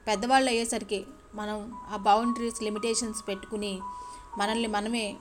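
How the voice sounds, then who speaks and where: A woman's voice: mid-range voice, flat delivery, normal speed, music in the background. A woman storyteller narrating a tale expressively and addressing her listeners politely.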